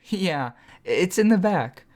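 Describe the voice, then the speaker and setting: Guy doing a strange eager young woman, way higher than his own voice, soft and coaxing, storybook reading. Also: expressive, slow pace.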